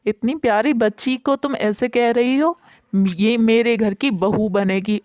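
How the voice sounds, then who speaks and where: A woman's voice: fairly high pitch, fairly even intonation, measured pace, a little mellow, no room sound, clean studio sound, close to an everyday voice. A woman voicing a kind, frank middle-aged friend of the family in a storybook tale. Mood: kindly. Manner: frank, kindly.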